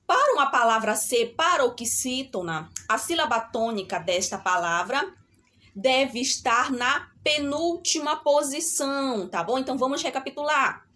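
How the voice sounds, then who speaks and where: Brazilian woman, middle-aged, primary teacher on a remote lesson, high bright voice, slow and patient. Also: expressive. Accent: Brazilian Portuguese. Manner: slow, drawn-out syllables with a repeated "tá bom?" check.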